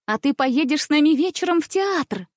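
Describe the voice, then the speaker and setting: A woman's voice: high voice, lively intonation, normal speed, dry recording, clean studio sound, voice pushed up. Woman doing a spoiled, bossy little princess. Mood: capricious. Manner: bright, bossy, giggly. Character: spoiled rich little princess girl, capricious.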